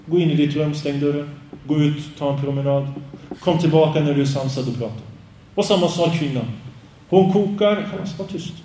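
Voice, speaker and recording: A man's voice: on the high side, fairly even intonation, mellow, a little hiss or hum. Earnest preacher man in a roomy hall. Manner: earnest, admonishing, rhetorical questions. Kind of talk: Islamic lecture on marriage. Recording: roomy sound, distant mic.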